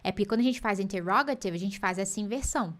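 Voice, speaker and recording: A woman's voice: medium pitch, fast talker. A woman with a Brazilian Portuguese accent teaching English in a live online class, playful and teacherly, dropping in English example sentences.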